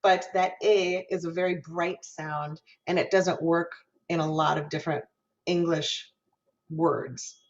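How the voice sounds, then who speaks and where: A woman's voice: lowish voice, level tone, a little slow. Woman lecturing over dull call audio. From Minnesota, US. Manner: explanatory, demonstrates vowel sounds aloud. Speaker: guest lecturer, music professor. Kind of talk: online diction lecture. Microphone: video call.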